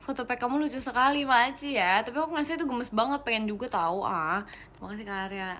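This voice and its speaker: Young woman, slightly high voice, fast bubbly live-stream chat, faint hiss behind. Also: a bit bright. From Indonesia. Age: young adult. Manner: chatty and bubbly, quick-talking, giggly, mixing in English phrases. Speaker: idol group member hosting a live stream. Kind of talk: casual live-stream chat reading comments.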